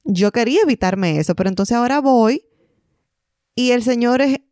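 A woman co-hosting a podcast, telling a story in an animated, exclamatory casual chat. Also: fairly high pitch, normal speed, dry recording, studio quality. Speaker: podcast co-host.

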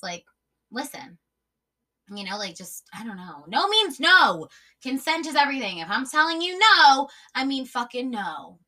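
A woman's voice: medium pitch, pushed and bright. A young woman hosting a podcast, telling stories in a blunt, casual way, swearing freely and filling her talk with "like.". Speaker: podcast host. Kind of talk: casual storytelling monologue.

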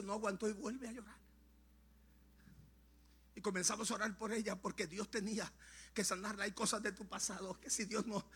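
A male Puerto Rican pastor preaching a Pentecostal sermon, shouting in tongues and then dropping to quiet storytelling. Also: high voice, gravelly, slightly rough. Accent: Puerto Rican Spanish. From Puerto Rico.

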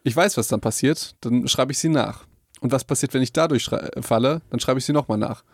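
A man's voice: medium pitch, fairly quick, no room sound, studio quality. A young man co-hosting a casual podcast, chatty and self-mocking, talking through his worries with many fillers. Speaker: podcast co-host.

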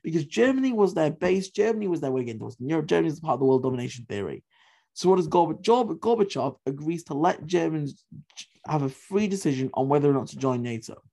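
A man's voice: a little high, very animated, fast, gravelly, warm tone. A man hosting a history podcast, talking in an emphatic, opinionated way, repeating points for stress and swearing casually. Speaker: podcast host.

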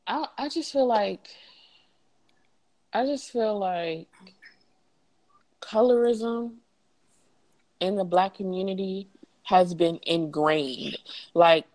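A woman's voice: medium pitch, takes it slowly, long pauses, darkish tone, low-quality recording. A woman co-hosting a casual podcast discussion, opinionated and reflective, repeating words for emphasis. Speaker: co-host.

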